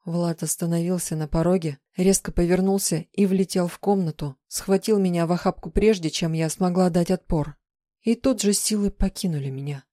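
A woman reading a first-person novel aloud as an audiobook narrator, in an even, emotive way. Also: on the low side, moderate pace, no echo, clean studio sound.

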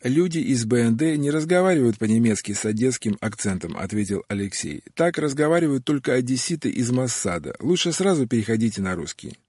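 A man voicing a calm, terse male prisoner, exhausted from captivity. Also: medium pitch, brisk, few pauses, slightly rough, no room sound, studio quality.

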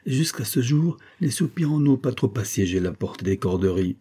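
A man's voice: medium pitch, expressive, normal speed, warm tone, breathy edge, pitched above the performer's own voice. A man reading aloud and voicing a proud young woman who turns from mocking to angry. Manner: mocking, then angry and tearful.

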